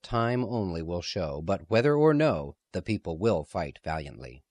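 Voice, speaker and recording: A man voicing a stern old rabbi, low and proud, his voice swinging wide as he declares defiance in a dry, close sound. He speaks hotly and sternly, with a fixed resolve. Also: big pitch swings, normal speed, a little mellow, dry recording.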